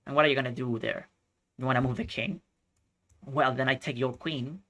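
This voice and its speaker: A man from Chile streaming chess, thinking out loud through his moves and chatting with viewers. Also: mid-range voice, steady tone, a little fast. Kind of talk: live-stream commentary.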